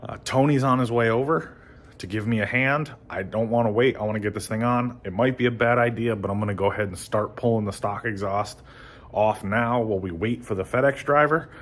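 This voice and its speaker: A man casually talking through motorcycle work in his garage, relaxed and rambling with many ums. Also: fairly low pitch, brisk. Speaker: motorcycle vlogger. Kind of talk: casual how-to narration.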